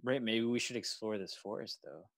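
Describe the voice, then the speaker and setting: A man's voice: on the low side, normal speed, creaky. A man playing a tabletop game, asking one eager question after another. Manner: asks many eager questions. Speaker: player.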